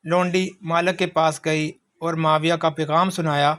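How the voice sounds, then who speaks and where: Man narrating a moral story, higher voice. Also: level tone, a bit bright.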